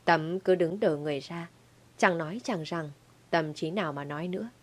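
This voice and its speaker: A woman narrating a dramatic audio story in a lively storytelling manner. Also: lowish voice, normal speed.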